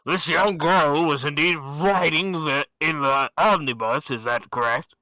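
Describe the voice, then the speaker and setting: A man's voice: on the high side, measured pace, no echo, poor audio. A man reading as a dry, sardonic judge. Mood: baffled. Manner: dry, sardonic, deadpan threats. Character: irritable old male judge reading court lines.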